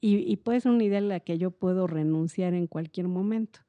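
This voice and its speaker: A middle-aged woman with a Mexican accent explains things on a podcast in a casual, reflective, meandering way. Her voice is fairly low and dark, and she talks a little fast. The audio is muffled, with no room sound.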